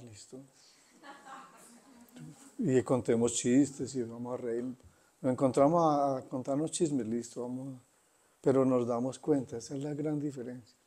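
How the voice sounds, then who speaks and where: A man giving an unhurried spiritual talk, conversational and pausing often. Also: mid-range voice, warm tone. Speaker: spiritual teacher. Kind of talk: satsang talk.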